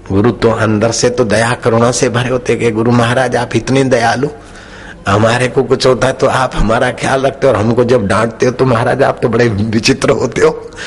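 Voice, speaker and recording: A man preaching a devotional sermon, telling stories and acting out the people in them, stretching some phrases slowly for emphasis. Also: mid-range voice. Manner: acts out quoted characters in his stories; drops into slow, drawn-out phrases for emphasis. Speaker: spiritual preacher.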